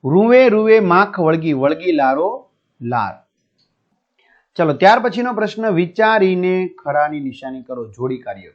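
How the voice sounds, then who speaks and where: A man's voice: high voice, very animated, a little slow. Man teaching a school lesson. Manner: explains answers step by step to students. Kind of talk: reading a school lesson aloud. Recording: dull lo-fi recording.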